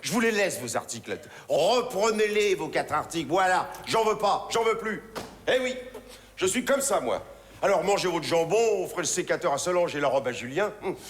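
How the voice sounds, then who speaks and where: A man's voice: high-pitched, animated, normal speed. An older man playing a mischievous old drifter father who proudly shoplifts, in a teasing, theatrical stage delivery. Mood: cheeky. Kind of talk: stage play acting. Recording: reverberant theater hall, faint ambience.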